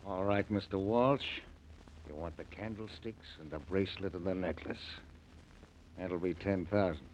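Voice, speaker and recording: Deep, stubborn old radio show crook, acted by a man. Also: normal speed, darkish tone, natural voice. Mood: stubborn, menacing. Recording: dull old radio recording with noise.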